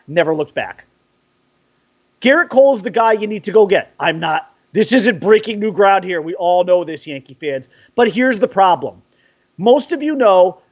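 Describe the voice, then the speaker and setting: A man's voice: sits high, no room sound. A man hosting a sports podcast, ranting in an exasperated, profane, fired-up way. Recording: dry, dull lo-fi sound.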